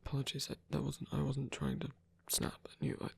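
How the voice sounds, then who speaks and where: A proud, flirtatious villain in pain comes to life in an intimate ASMR roleplay, the performer murmuring softly and haltingly in a breathy, gravelly, guarded yet tender voice. It is heavily acted and very animated at a medium pitch, while still hesitant.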